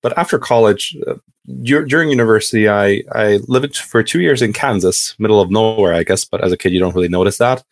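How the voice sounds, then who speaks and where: On a podcast, a man from Hungary in his thirties shares his story haltingly and informally, frequently beginning sentences again. The pitch is fairly low, and there's no echo.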